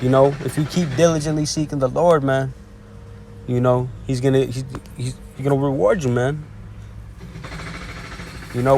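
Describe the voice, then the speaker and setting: A man giving a casual scripture teaching as a lay preacher. He peppers his talk with "man" and "hey", stumbles and restarts often, and reads verses slowly and haltingly. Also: mid-range voice, a little mellow, a little hiss or hum.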